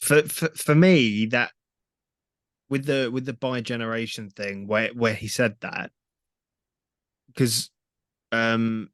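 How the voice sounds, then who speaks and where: A young man co-hosting a casual podcast chat, speaking in a measured way and slowing down to explain. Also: mid-range voice, fairly even intonation, no room sound, studio quality. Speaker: podcast co-host.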